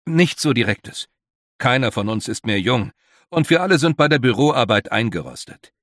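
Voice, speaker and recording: A man's voice: mid-range voice, lively intonation, normal speed, fairly bright tone, no room sound, studio quality, close to an everyday voice. A man voicing a grave, worried older male leader who speaks in an earnest, emphatic way.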